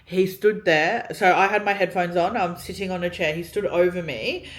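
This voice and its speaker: A woman's voice: lowish voice, moderate pace. A young woman telling a story while getting ready, chatty, swearing often and filling her talk with "like". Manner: chatty, heavy swearing, many "like" fillers. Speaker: vlogger.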